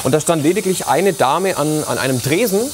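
A man co-hosting a cooking show in a studio kitchen, telling a lively travel anecdote. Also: fairly high pitch, brisk, background noise. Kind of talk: casual storytelling.

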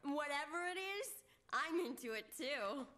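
A woman's voice: sits high, lively intonation, a little slow, bright, forceful tone, slight background noise, full character voice. An actress playing a bubbly, fashion-loving teenage girl who gushes in trendy slang. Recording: cartoon soundtrack with music.

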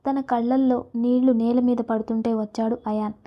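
A woman storyteller narrating a romance from a script in a steady reading voice. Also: fairly high pitch, brisk, lo-fi sound.

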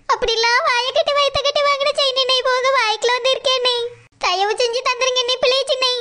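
A very high, bright, squeaky cartoon voice of a timid village woman, as a woman voices her with a Kanyakumari Tamil accent. She talks fast and pleads and whines without a break. She sounds like a fearful character in a storybook cartoon. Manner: pleading, whiny, tearful. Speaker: cartoon voice artist.

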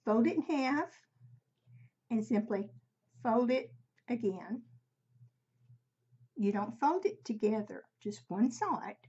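An older woman with a husky, breathy voice, giving a casual, halting craft demonstration at home in her craft room. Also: fairly high pitch, expressive, mellow. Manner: halting, unhurried, conversational. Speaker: craft tutorial host. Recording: slightly dull, muffled sound.

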